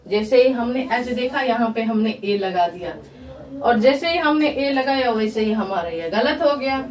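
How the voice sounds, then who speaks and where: Slow and animated, with a slightly mellow, fairly high voice, this teacher walks students through English grammar in Hindi. She asks the class questions, repeats them, and supplies the answers, heard distantly in an echoey room.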